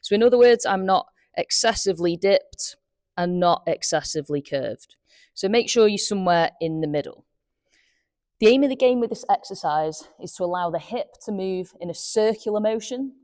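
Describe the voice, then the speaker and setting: A woman's voice: medium pitch, lively intonation, normal speed, darkish tone, no echo, clean studio sound. A woman, a golf fitness coach, talking through exercises step by step while demonstrating them, slightly out of breath.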